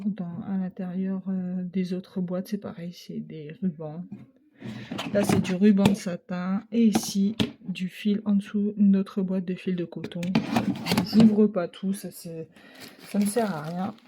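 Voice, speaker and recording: A woman with a Ch'ti accent, touring her craft supplies in a casual way and hesitating with many fillers as she thinks aloud. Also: mid-range voice. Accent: Ch'ti (northern French). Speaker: craft vlogger. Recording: loud crinkling and clicking handling noise. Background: rustling of packaging and boxes.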